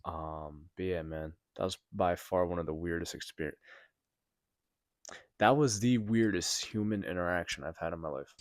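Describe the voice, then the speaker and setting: Young male podcast host, deep voice, dry room, loose rambling storyteller who swears, gets loud when shocked. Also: normal speed, no echo. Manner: rambling, heavy filler words and profanity. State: recovering from sickness. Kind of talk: casual solo storytelling. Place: apartment building room.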